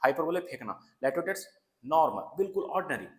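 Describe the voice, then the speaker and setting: A man's voice: fairly high pitch, very animated, fast talker, reverberant. A man giving an exam coaching lecture, repeating key terms and checking in with students often. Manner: repetitive, checks in with "है ना" and "clear". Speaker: exam prep teacher.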